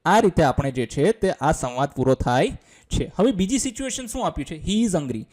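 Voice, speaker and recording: A male teacher with a Gujarati accent reads English lines aloud and explains them simply, in a colloquial, step-by-step way, posing questions and answering them himself. His slightly high voice is softly mellow, with big pitch swings and a moderate pace.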